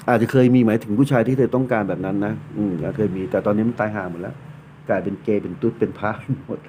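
A man's voice: fairly low pitch, dark tone. A man reading tarot cards, explaining a card in a casual, blunt and joking way, swearing freely. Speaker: tarot reader. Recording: tinny phone-like sound, faint noise.

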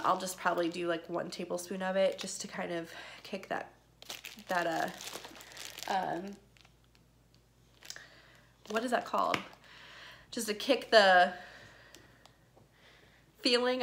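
A woman's voice: mid-range voice, pushed and bright, a little hiss or hum. A young woman with a stuffy nose from a cold, chatting casually in a rambling diet vlog full of ums, recorded on a handheld phone in her home kitchen. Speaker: vlogger.

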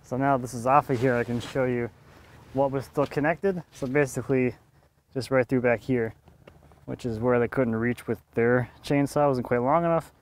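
Outdoors at the sawmill he runs, a man in his thirties saws a log and casually walks through his work. His mid-range voice is steady and at normal speed, with a little hiss or hum, and he chuckles now and then as he thinks aloud.

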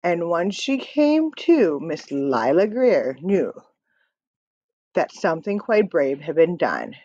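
Animated woman reading slowly aloud. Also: fairly low pitch, dry recording. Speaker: read-aloud storyteller. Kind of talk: expressive children's picture-book reading. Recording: dull lo-fi webcam audio.

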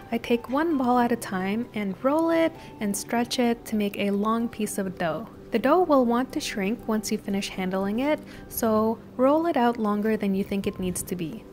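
A woman host calmly narrating a baking recipe step by step as a voice-over. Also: a little high. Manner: steady step-by-step instructional delivery. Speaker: cooking channel host. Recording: voice-over with music behind.

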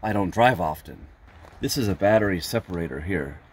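Deep-voiced man giving a halting tour. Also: expressive, slight background noise. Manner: halting, explains step by step. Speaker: truck camper owner giving a tour. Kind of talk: casual show-and-tell.

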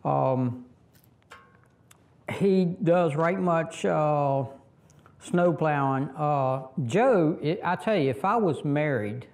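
Animated and a bit dark in tone, a middle-aged Virginia man drawls through a relaxed tractor how-to, his voice sitting somewhat high for a man. He wanders, restarts, and fills gaps with "um"s and "you know"s, speaking outdoors under a shelter just a few steps from the camera.

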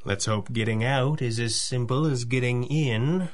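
A man voices the dry, enigmatic masked boss of a crimefighting outfit in a radio adventure styled after the 1930s. He keeps to a measured deadpan in a natural, mid-range voice, his mood wry and guarded.

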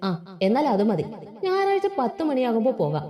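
A woman's voice: on the high side, wildly swooping pitch, moderate pace, dark tone, reverberant. A woman reading as a jovial middle-aged father. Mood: hearty.

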